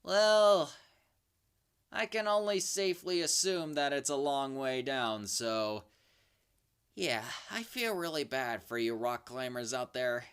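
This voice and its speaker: A speaker presenting a countdown in a horror-host manner, with theatrically spooky asides and dramatic pauses. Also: medium pitch, fairly bright tone, clear, resonant tone. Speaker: host of a top-ten creature countdown video. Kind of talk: spoken countdown commentary, semi-improvised.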